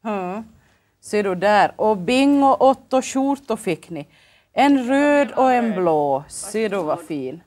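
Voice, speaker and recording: Her voice is medium-pitched and darkish, with lively intonation. This Finland Swedish-accented woman hosts a children's program from a local TV studio, drawing the kids in with bright, sing-song questions.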